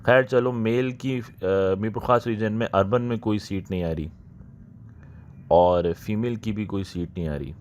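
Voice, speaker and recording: A man, talking viewers through job openings in a casual, unhurried way, often slipping into English phrases and pausing to think. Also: on the low side, fairly even intonation, slight background noise. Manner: unhurried, thinking aloud with many "uh" pauses. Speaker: channel host explaining job openings. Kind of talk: casual explanatory walkthrough.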